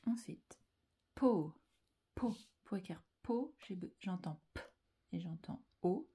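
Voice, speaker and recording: A woman teaching a slow spelling dictation to young children, calm and deliberate, repeating each syllable and often dropping into a whisper. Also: on the low side, breathy edge.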